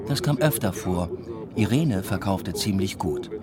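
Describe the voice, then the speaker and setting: A man with a low-pitched, expressive voice speaks unhurriedly over a noisy crowd, playing a weary, introspective academic. He narrates a radio play in literary first person, in a dry, reflective, understated way.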